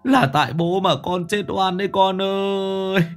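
A man voicing a grief-stricken, drunk middle-aged father who wails and sobs slowly, his voice raised high. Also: fairly even intonation, faint music behind. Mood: anguished wailing. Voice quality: wailing, sobbing.

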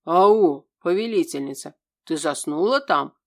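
A woman voicing a smug, grumbling male demon in an audiobook, speaking slowly and drawing out her words. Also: low-pitched, lively intonation. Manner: slow, drawn-out and smug, at times breathy and soft.

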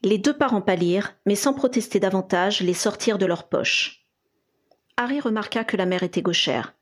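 A woman narrates a fan fiction audiobook at a steady storytelling pace. Her voice has a husky, slightly breathy texture. It sits at an ordinary middle pitch. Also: normal speed. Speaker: audiobook reader.

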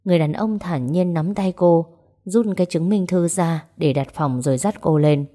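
A woman narrating a romance story aloud and voicing its characters in a gentle, even way. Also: lowish voice, moderate pace. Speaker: audiobook narrator. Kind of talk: storytelling narration with dialogue voices.

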